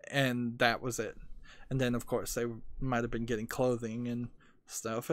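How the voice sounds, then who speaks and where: Dry audio captures a young man's mid-range voice as he streams a card game, rambling and opinionated, stumbling through restarts and filler while reading chat messages out loud.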